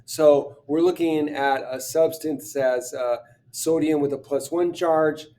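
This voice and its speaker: A man working through chemistry practice problems, thinking aloud, often clearing his throat and restarting sentences. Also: a little high, steady tone, measured pace, warm tone, distant mic. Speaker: chemistry teacher.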